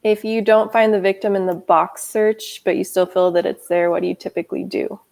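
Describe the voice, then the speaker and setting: A woman's voice: mid-range voice, fairly even intonation, fairly quick, vocal fry, darkish tone. A woman interviewer asking brief, direct questions.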